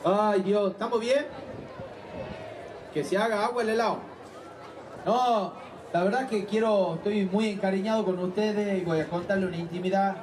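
A man with a Tucumán Argentine accent doing live stand-up comedy, with a rapid, bawdy punchline delivery. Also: sits high, background noise. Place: outdoor festival stage. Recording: distant, echoey live stage recording with crowd.

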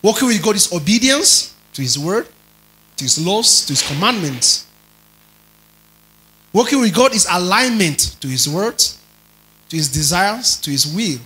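Male pastor for a sermon. Lifted high pitch, dramatic delivery that swings from soft asides to shouted lines, calls out questions to the room. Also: big pitch swings, a little slow, pauses often, poor audio. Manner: dramatic preaching, shifts between soft asides and shouted emphasis; asks the congregation questions.

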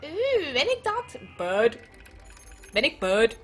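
Bright high-voiced woman playing a game. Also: huge pitch swings, slow pace, faint music behind. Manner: chatty, swears often, mixes in English phrases. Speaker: gaming video host. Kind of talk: casual gameplay commentary. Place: indoors at a computer, wearing headphones.

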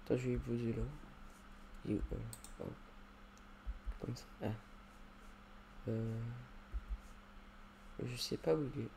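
A man's voice: mid-range voice, fairly even intonation, a little slow, vocal fry, pauses often, mellow, slight background noise. A man giving casual, rambling gameplay commentary at his computer, hesitating often with fillers. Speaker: YouTuber.

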